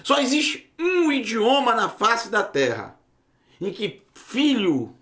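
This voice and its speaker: Man, high voice, emphatic teacher with rhetorical questions; roomy echo. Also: wildly swooping pitch, slow pace, bright, forceful tone. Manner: emphatic, rhetorical questions, bursts into raised exclamations. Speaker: Hebrew teacher. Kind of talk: teaching a Bible-language lesson.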